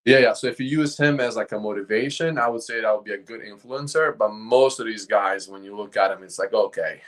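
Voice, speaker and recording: A young fitness coach chats casually on a podcast, rambling a little and often tacking "man" onto the end of his phrases. His voice is fairly low and a bit bright, and he talks fairly quickly.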